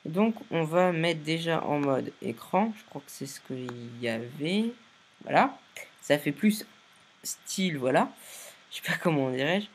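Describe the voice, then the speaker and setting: A tired man casually narrating a software tutorial, giving step-by-step instructions with many fillers and restarts. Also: on the high side, expressive, a little slow, a little hiss or hum. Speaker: video editing tutorial maker.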